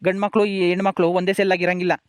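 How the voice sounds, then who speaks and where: A man's voice: high-pitched, level tone, rapid-fire, smooth, no room sound, natural voice. A man playing a blunt police constable who lays down the rules in a matter-of-fact way. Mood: firm. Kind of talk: village family drama acting.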